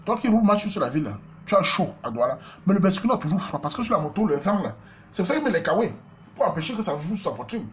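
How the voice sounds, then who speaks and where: A man with a Cameroonian French accent telling a comic story, swinging between loud outbursts and low asides. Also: sing-song, quick pace. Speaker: comedian.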